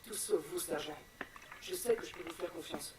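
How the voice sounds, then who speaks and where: A man's voice: fairly high pitch, moderate pace, background noise, close to an everyday voice. An actor playing an anxious, deferential male soldier who pleads earnestly in a video game. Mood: urgent pleading. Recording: slightly distant, crowd chatter behind.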